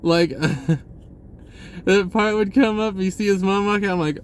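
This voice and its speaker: Here a spiritual vlogger talks slowly in a voice that sits high, over a little hiss or hum. He rambles in a relaxed way, frequently starting sentences over and chuckling now and then.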